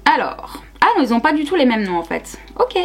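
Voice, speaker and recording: A woman's voice: on the high side, very animated, a little fast, faint music behind. A young woman, chatting casually through a makeup review with lots of fillers and repeated words. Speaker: beauty vlogger.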